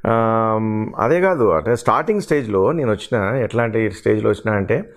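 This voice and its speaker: A man's voice: lowish voice, expressive, a little fast. A middle-aged man, a mimicry artist and actor, talking earnestly and with hurt feelings in an interview, listing the roles he has played. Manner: earnest, aggrieved, lists his roles at length. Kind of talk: emotional interview talk.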